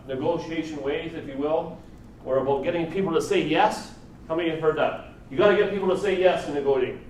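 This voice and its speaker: Coaching a live audience in negotiation and NLP, a man leads a relaxed seminar, chatting and throwing rhetorical questions at the room. His voice runs on the high side, and the recording sounds roomy, with a distant mic and faint noise.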